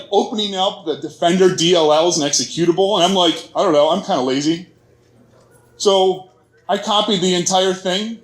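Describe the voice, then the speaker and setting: A man giving a conference talk, telling stories with quoted voices, jokes and many fillers. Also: high-pitched. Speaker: conference speaker. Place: conference hall. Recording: echoey conference hall.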